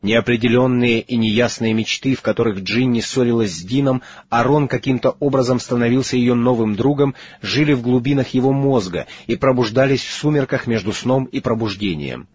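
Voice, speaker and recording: A man reading an audiobook in steady, measured narration. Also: mid-range voice, slightly rough, no room sound. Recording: slightly dull lo-fi recording.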